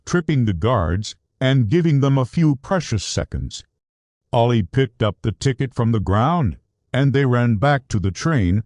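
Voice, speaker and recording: A man reads a children's adventure tale aloud, his pitch climbing and falling with animated storybook energy. His voice sits at an ordinary middle pitch. The recording is close and dry, with no room sound. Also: dry recording. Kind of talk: scripted children's story narration.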